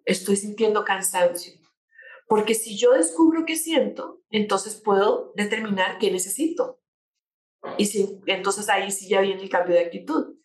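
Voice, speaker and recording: A woman speaking as a coach on changing attitudes, explaining her points with rhetorical questions and everyday examples. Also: mid-range voice. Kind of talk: conversational talk show guest. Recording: echoey room.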